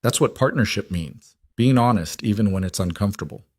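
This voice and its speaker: A man voicing a warm-hearted young ranch cook woman, speaking earnestly and firmly. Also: on the low side, brisk, no echo, clean studio sound, natural voice.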